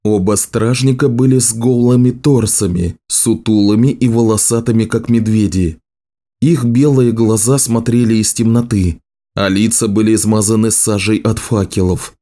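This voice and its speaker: A man's voice: fairly low pitch, fairly even intonation, moderate pace, dark tone. A man steadily reading a fantasy novel aloud as the audiobook narrator.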